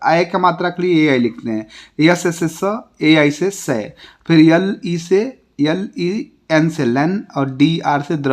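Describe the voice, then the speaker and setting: Indian guy teaching, spells stuff out slow letter by letter, voice a bit on the high side. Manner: ends each example with a falling tone. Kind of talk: classroom lesson.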